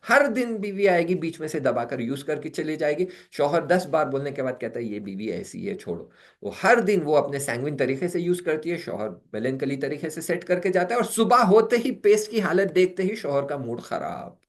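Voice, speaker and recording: A male lecturer explains personality types through everyday household stories. His slightly high voice swings widely in pitch, and he slips into acted dialogue for the people in the stories. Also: brisk, hardly any pauses. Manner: animated, acts out quoted voices.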